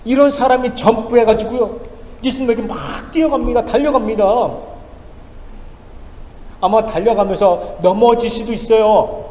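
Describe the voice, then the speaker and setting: A male pastor preaching a sermon, firing off rhetorical questions and swinging between loud and hushed lines. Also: sits high, steady tone, moderate pace, long pauses. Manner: emphatic, rhetorical questions, dramatic swings in loudness. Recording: echoey church hall with faint ambience.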